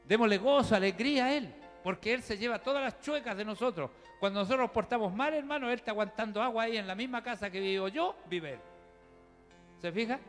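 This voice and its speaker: A man's voice: sits high, fast talker, fairly bright tone. A man preaching a sermon as pastor, explaining to the congregation in a chatty, direct way. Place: church hall. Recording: reverberant church hall with music.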